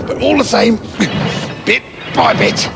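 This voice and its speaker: A man's voice: extremely high pitch, takes it slowly, vocal fry, noisy background. A man telling a fairy tale with comic, mock-dramatic asides. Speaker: storyteller.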